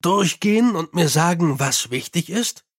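A weary middle-aged police commander, read by a male narrator speaks bluntly and dryly. He grumbles about paperwork, and his voice stays fairly high and plain. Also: lively intonation, unhurried.

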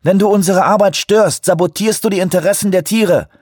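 Fed-up male researcher barely keeping calm, husky urgent voice, a guy reading him. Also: high voice, fairly quick, dry recording, clean studio sound, voice pushed up. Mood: stern. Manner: urgent, pleading, irritated. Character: exasperated male whale researcher, barely restrained.

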